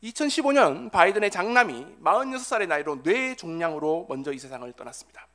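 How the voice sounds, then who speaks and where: A male pastor preaching a sermon in church, swinging from loud calls to soft whispers. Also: high voice, big pitch swings, fast talker. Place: church sanctuary.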